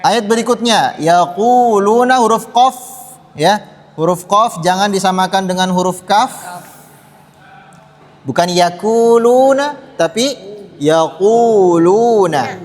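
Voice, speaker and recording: A man's voice: sits high, unhurried, long pauses. A man teaching a Quran pronunciation lesson to children, patiently drilling sounds and having the class repeat after him. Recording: long hall reverb.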